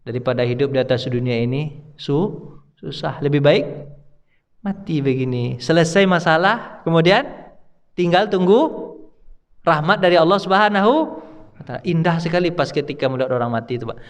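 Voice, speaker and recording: A man's voice: a little high, animated, normal speed, long pauses. A male preacher giving a conversational sermon, often asking his listeners questions. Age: younger than his audience. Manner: conversational, asks the audience questions. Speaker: Islamic preacher. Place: hall with audience. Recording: long reverb of a hall.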